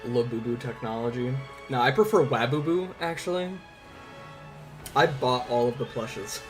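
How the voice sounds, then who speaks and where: Over background music, a man in his twenties hosts a livestream, chatting loosely with viewers in a rambling, informal way with some swearing. He speaks at a moderate pace in a mid-range voice.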